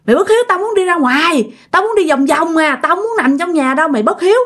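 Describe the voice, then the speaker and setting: A woman voicing a frail old grandmother possessed by a spirit, shrill, scolding and lamenting. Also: expressive, a little fast, fairly bright tone. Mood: wailing.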